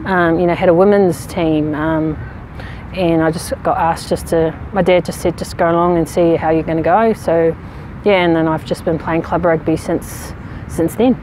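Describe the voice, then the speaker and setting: A woman in her thirties from New Zealand, a rugby player answering interview questions outdoors in a frank, relaxed way with many fillers. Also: lowish voice, normal speed, a little hiss or hum, poor audio. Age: 30s. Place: outdoors on a sports field. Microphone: camera at medium distance.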